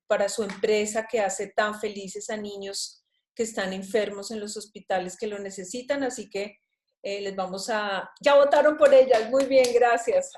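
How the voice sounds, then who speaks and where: A woman hosting an online talk, wrapping up with thanks and announcements in a friendly, halting way. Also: on the high side. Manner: warm, thankful, restarts often. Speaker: host of an online talk series. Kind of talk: casual live closing remarks.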